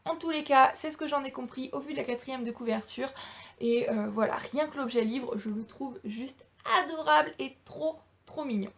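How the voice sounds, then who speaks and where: A woman's voice: sits high, moderate pace. A young woman with a French accent, chatting enthusiastically on a casual book haul vlog, with frequent hesitations. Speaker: booktuber.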